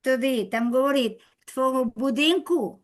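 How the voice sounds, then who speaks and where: A woman student reading aloud in class, hesitant and pausing as she works through sentences. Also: high voice. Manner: hesitant, slow reading with pauses.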